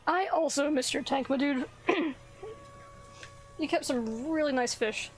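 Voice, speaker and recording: A woman's voice: high voice, unhurried, low-quality recording. A woman streamer chatting casually with viewers while she plays a video game. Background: faint game music.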